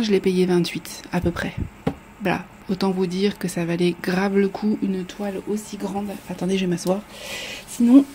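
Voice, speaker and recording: A woman's voice: mid-range voice, warm tone, a little hiss or hum. A woman vlogger chatting casually while unboxing, rambling with frequent hesitations.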